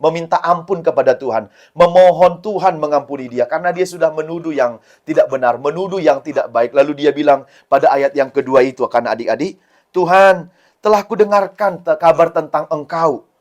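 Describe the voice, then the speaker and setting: A man's voice: a little high, brisk, darkish tone, muffled recording. A man giving a Sunday school sermon to children, explaining in short repeated phrases and acting out prayers with a pleading voice. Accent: Indonesian, Medan. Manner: acts out prayers and quotes in a raised, pleading voice.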